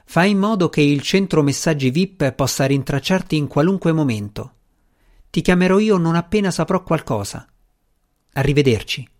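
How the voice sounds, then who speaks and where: A man voicing a calm, evasive male government official who speaks in a smooth, polite, measured way. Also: fairly high pitch, natural voice.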